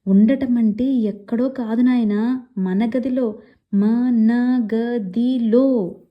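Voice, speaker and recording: A woman's voice: on the high side, animated, moderate pace, muffled recording, voice pushed up. A woman voicing a sulky, sarcastic teenage girl who whines and mocks. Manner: petulant, mocking.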